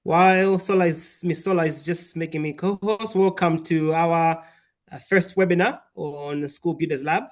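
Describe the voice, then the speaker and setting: A man from Malawi leads an online webinar over a video call, his voice sitting a little high for a man. He talks in a measured, orderly way and walks through his points with the occasional "uh" and "so". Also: fairly even intonation. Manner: measured, structured presenting with frequent fillers. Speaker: webinar presenter, programme alumnus.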